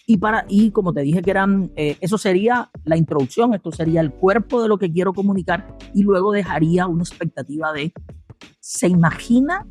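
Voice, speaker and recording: A man's voice: sits high, fast, few pauses, soft background music. A middle-aged man with a Colombian Caribbean coast accent, a communication coach talking casually on a podcast and acting out example dialogues. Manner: animated, acts out example dialogues.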